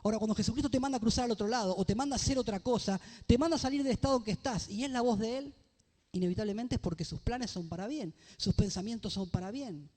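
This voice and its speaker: A man's voice: high voice, darkish tone, big-room sound. A man preaching a sermon as pastor, rising into emphatic phrases and asking the congregation questions. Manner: reads scripture aloud slowly. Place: church.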